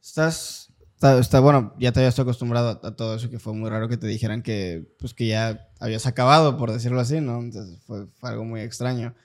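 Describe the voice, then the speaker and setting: A man's voice: mid-range voice, steady tone, quick pace. A man with a Mexican Spanish accent, the host of a casual interview, who talks in an informal, slangy, joking way.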